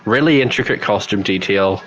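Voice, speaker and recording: Northern irish man, podcast guest, blunt, low voice, dull lo-fi mic. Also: fairly quick, a bit bright, a little hiss or hum. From Northern Ireland. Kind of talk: casual chat.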